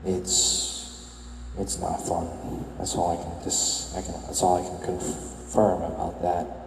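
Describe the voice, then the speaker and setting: A young man murmurs a soft, low-key voice-over in a deep, flat, gravelly voice that hardly rises or falls. He talks slowly and hesitantly, correcting himself as he muses. The voice carries an echo with a long reverb tail over faint ambient sound. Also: a little hiss or hum. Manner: hesitant, self-correcting musing. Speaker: video game tour vlogger. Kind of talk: soft-spoken reflective voice-over.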